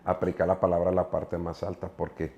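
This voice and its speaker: This middle-aged guest preacher with a Mexican accent tells stories in a casual interview, earnest and rambling with plenty of filler words. His low, gravelly voice has a dark tone and a completely flat delivery, moving a little fast over lo-fi sound.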